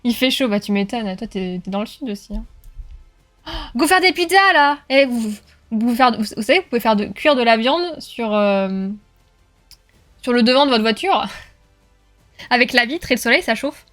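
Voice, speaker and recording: A woman streaming from home, chatting with her viewers in a lively, joking way and cheering on a race. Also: on the high side, moderate pace, long pauses, faint music behind. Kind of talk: live-stream chat with viewers while racing.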